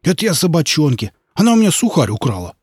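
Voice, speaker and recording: A male narrator voicing a gruff, blunt village tractor driver who answers loudly. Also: on the high side, sing-song, fast talker, no room sound, clean studio sound, pitched above the performer's own voice. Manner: loud blunt retorts.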